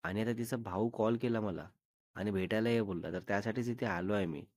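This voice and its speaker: Man doing anxious young guy, urgent, pleading, low voice. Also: brisk, darkish tone, no echo, close to an everyday voice. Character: young man, anxious friend asking for help.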